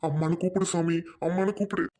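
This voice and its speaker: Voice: mid-range voice, fairly even intonation, quick pace, a little mellow, natural voice. Someone voicing a kind, soothing village husband. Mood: tender. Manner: soothing, reassuring.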